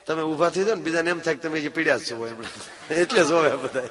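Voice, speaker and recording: Male folk storyteller, slightly high and bright, humorous live telling. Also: fast. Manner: lively, talks straight to the audience.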